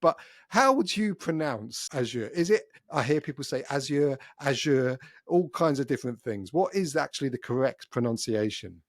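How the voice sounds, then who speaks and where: A man's voice: a little high, lively intonation, moderate pace, dry recording, clean studio sound. Chatty podcast host, a man. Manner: chatty and friendly, self-deprecating. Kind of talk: casual interview chat.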